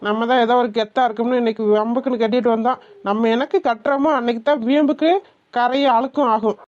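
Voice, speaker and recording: A woman's voice: a little high, fairly even intonation, fast talker, a little mellow, highs cut off, natural voice. Woman voicing a cocky young village guy. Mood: sulky. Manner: taunting, sulky. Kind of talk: cartoon voice acting.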